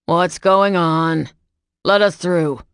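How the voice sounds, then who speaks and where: A woman's voice: low voice, level tone, takes it slowly, gravelly, clean tone, no echo, studio quality, exaggerated voice. Woman doing a stern middle-aged coach dad. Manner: loud and commanding.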